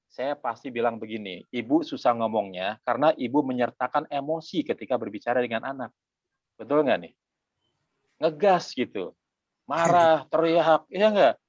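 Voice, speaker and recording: A middle-aged man giving a conversational parenting talk, acting out parent and child in quick exchanges. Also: mid-range voice, no echo, muffled recording. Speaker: parenting speaker.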